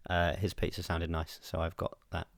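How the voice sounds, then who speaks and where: A man's voice: low-pitched, completely flat delivery, normal speed, creaky, no echo, studio quality. A man, co-hosting a podcast in casual chat, wry and questioning, often laughing. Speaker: podcast co-host.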